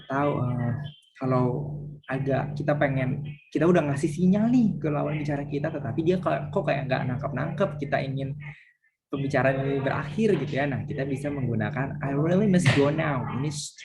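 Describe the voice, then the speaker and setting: A man's voice: medium pitch, brisk, rough recording. Man, lecturer, patient explanations, acts out sample phrases, crowd noise behind. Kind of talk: university lecture.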